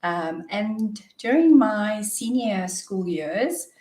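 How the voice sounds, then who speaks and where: A woman's voice: mid-range voice, lively intonation, takes it slowly, recorded from a distance. South African woman in an echoey room. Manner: cheerful, laughs often, warm storytelling. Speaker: guest, wellness coach. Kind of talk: podcast interview.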